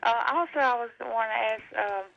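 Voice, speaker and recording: A woman's voice: fairly high pitch, normal speed, vocal fry. Female caller over a dull phone line, hesitant and apologetic. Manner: hesitant, many fillers and apologies. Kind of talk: casual call-in question.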